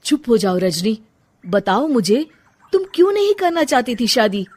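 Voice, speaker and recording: A woman's voice: a little high, very animated, moderate pace, husky. A woman voicing a caring young husband who coaxes his upset wife. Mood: coaxing. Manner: coaxing, gentle.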